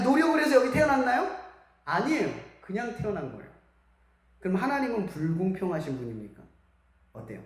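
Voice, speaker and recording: Young woman preacher, lively sermon with lots of questions to the room, heavy church-hall echo. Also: mid-range voice. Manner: animated, asks the audience many rhetorical questions. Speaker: preacher at a school church service.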